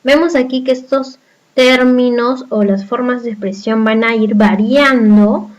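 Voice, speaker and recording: A woman's voice: on the high side, fairly even intonation, measured pace, low-quality recording. A woman from Peru with a Peruvian accent, teaching a recorded class and explaining step by step with frequent rhetorical questions to the students. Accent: Peruvian Spanish.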